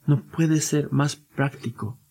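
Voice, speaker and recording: Man, pastor, sermon, earnest, emphatic rhetorical questions, slightly high-pitched. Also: fairly even intonation, takes it slowly, vocal fry, mellow. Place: church.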